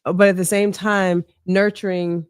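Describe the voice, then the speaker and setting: This middle-aged mayoral candidate has a strong, medium-pitched voice with little pitch movement and a clear, resonant tone. As an interview guest she's candid, earnest, and reflective, measured in pace, with frequent "right?" tags, recorded dry at studio quality.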